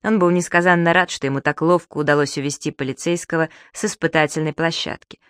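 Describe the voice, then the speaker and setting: A woman narrating a children's audiobook in an even storytelling voice. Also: low-pitched, quick pace, clean tone, no echo, clean studio sound. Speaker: audiobook reader.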